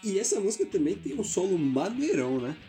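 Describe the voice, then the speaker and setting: A podcast co-host chatting casually and lively about songs. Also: medium pitch, quick pace, faint music behind. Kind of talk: casual chat.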